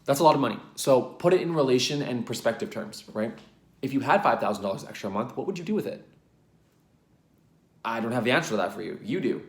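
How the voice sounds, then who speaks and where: A man's voice: mid-range voice, animated, quick pace, reverberant. A man, a relationship coach, talking earnestly to camera in a casual vlog, rambling and correcting himself with many ums, sometimes getting worked up.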